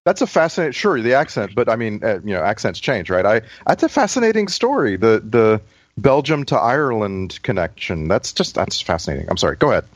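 A man's voice: on the low side, very animated, a little fast, no echo, lo-fi sound. A man co-hosting a casual panel chat, stammering and restarting his sentences often. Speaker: podcast co-host.

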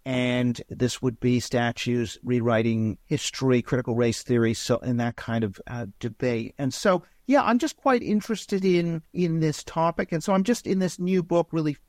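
Measured middle-aged male academic. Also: mid-range voice, a little mellow, no echo, clean studio sound. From Canada. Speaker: guest professor. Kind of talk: interview answers.

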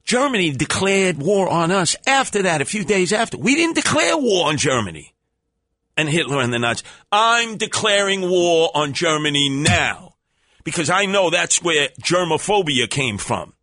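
A man's voice: fairly high pitch, very animated, moderate pace, pushed and bright, no room sound. A man with a New York accent hosting talk radio in a rambling comic monologue, theatrical, bombastic and streetwise, with colourful coined words.

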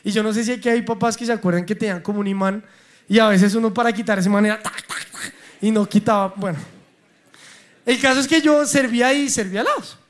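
Young Colombian male preacher, high voice, lively storyteller. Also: quick pace. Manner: animated, humorous storytelling with acted dialogue. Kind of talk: sermon with personal stories.

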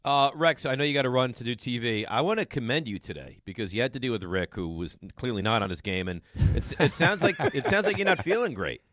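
A sports radio host bantering and ribbing his partners, his voice climbing as he pushes back. He has a bright, forward tone and swings widely in pitch. Recorded dry and close in a studio. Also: fast talker, hardly any pauses, dry recording. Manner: teasing, animated, voice rising when indignant. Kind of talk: casual sports talk banter.

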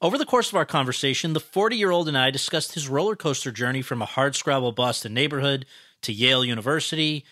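A man's voice: mid-range voice, quick pace, sharp tone, no echo, studio quality. A man hosting a podcast, reading a prepared introduction and then asking earnest, well-prepared questions. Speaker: podcast host. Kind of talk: scripted intro then interviewing.

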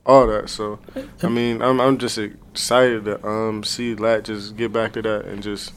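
A man's voice: lowish voice, flat delivery, a little slow, slight background noise. A young man co-hosting a casual interview, rambling with many fillers in an easygoing way. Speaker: podcast co-host.

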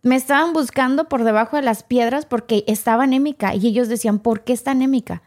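A woman's voice: on the high side, fast talker. A woman, a podcast guest telling her own story with emotion and acting out the people in it. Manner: animated, acts out quoted dialogue.

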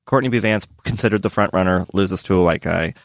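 Low-voiced man on a podcast. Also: dry recording, studio quality. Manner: measured, restarts phrases. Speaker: podcast co-host. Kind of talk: casual chat.

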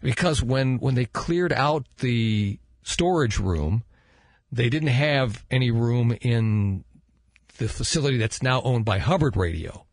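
Husky, dry-sounding American podcast host. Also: male voice, medium pitch, expressive, measured pace, no room sound. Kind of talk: casual chat. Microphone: close studio microphone.

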